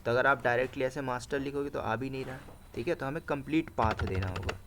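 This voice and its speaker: With a quick pace and a slightly bright, mid-range voice, a man runs a live command-line class by screen share, walking through each step as he types and checking in with "right?" and "okay." There's slight background noise.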